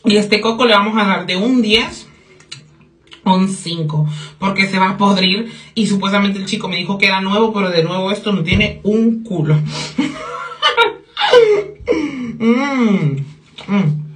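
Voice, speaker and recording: A woman's voice: mid-range voice, moderate pace, fairly bright tone. A young woman vlogging a gossipy story casually, giggling, swearing freely and dropping in English phrases.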